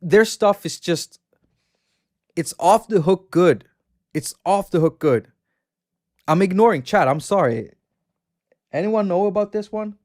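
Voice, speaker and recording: A Swedish man hosts a casual livestream, rambling about games and reading out chat, laughing often. His voice is high and a little mellow, at a measured pace with long pauses. He's chatty and rambling, with a Swedish accent.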